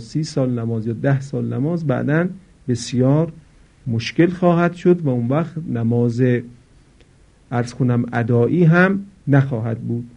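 A man teaches the correct recitation of prayers in a measured, explanatory voice, drawing out key words slowly for emphasis. His tone is dark and mellow, and the recording sounds slightly dull and lo-fi. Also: medium pitch, gravelly. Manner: explanatory, stresses example words with slow careful emphasis. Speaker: religious teacher. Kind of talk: instructional talk on prayer recitation.

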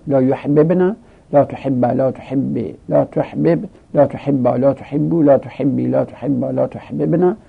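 Male grammar teacher, husky and gravelly, methodically reciting forms; lo-fi phone-like sound. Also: mid-range voice. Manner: methodical, reciting conjugation tables. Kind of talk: classroom grammar lesson. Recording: tinny phone-like lo-fi recording.

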